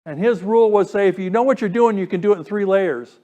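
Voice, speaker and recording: Speaking fast in a high, mellow voice, the presenter runs through an informal technical talk for a radio club. He takes it one step at a time and keeps asking his listeners questions.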